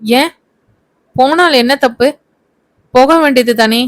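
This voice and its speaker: A woman's voice: high voice, takes it slowly, no room sound. A woman reading the part of a stern, impatient middle-aged mother who scolds her daughter. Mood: scolding.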